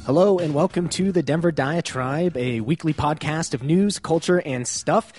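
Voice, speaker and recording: A man's voice: on the high side, normal speed, over music. Wry male podcast host. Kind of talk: casual podcast chat.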